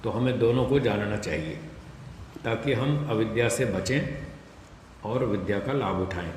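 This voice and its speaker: A man giving a scripture class, explaining slowly and deliberately, repeating key points. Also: lowish voice, lively intonation, darkish tone, slight background noise. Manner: slow, deliberate explanation with repetition. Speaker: religious teacher. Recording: echoey hall with long reverb.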